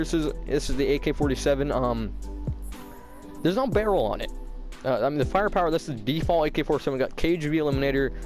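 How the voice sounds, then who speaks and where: Young male gaming YouTuber, mid pitch, casual slangy delivery, slight braces lisp, music behind. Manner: informal slangy bro-style talk. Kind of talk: casual video game commentary.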